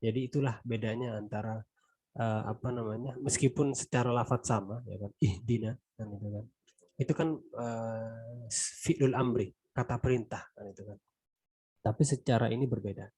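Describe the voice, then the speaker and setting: A middle-aged man with an Indonesian accent gives a conversational Quran exegesis lesson. His voice is mellow and a little husky, recorded dry and close. He keeps tagging his points and lets line endings fall away quietly. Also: medium pitch, fairly even intonation, normal speed, dry recording. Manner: conversational, frequent "gitu kan" tags, trailing softly. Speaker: religious teacher.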